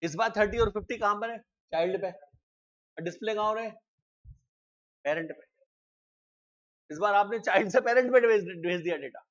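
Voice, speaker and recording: A man teaching a live programming class, explaining step by step and often asking students quick check questions. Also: high-pitched, a bit bright, dull audio. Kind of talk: live classroom coding lecture.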